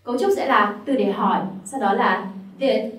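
A woman's voice: medium pitch, normal speed, fairly bright tone, recorded from a distance. Vietnamese-accented woman teaching grammar, roomy sound. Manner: patient, step-by-step explaining with repeated examples. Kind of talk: classroom-style grammar lesson.

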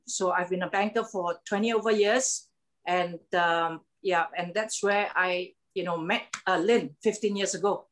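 A woman, a guest on a video-call interview, speaking hesitantly with many fillers. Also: medium pitch. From Singapore, born in Indonesia.

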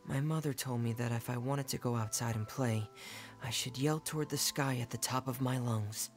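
A man voicing a shy, quiet young man in a game, timid and soft-spoken. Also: medium pitch, steady tone, normal speed, soft background music, lightly acted. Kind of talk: game voice acting.

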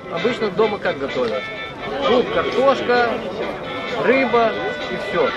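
High-voiced man explaining over loud music. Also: sing-song, measured pace. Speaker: outdoor cook. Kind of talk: informal interview explanation. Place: sandy riverbank by tent. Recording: dull outdoor sound, loud music, crowd.

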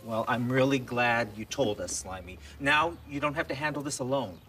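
A man's voice: mid-range voice, normal speed, heavy background noise, natural voice. A middle-aged man playing a caring, sensible neighbor, earnest and reassuring, in a children's show.

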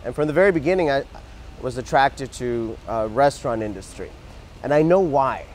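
A man's voice: mid-range voice, lively intonation, moderate pace, a little mellow, slight background noise, rough recording. Earnest man talking outdoors. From Mexico, raised in Texas. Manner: earnest, talks with his hands, frequent restarts. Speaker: interview guest. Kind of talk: casual interview. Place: outdoor garden plaza. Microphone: lapel.

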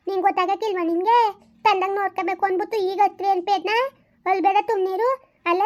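A woman plays a sharp-tongued village wife. She scolds in a very high, piercing voice and rattles her words off fast. Underneath the scolding she is kind. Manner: scolding, quick and shrill. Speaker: housewife in a village comedy skit.

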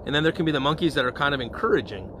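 Rapid-fire and a little high, with lively intonation, the priest's voice cuts through a noisy background. He gives an informal evening prayer reflection in a chatty manner, often checking in with "okay?" and "all right?"

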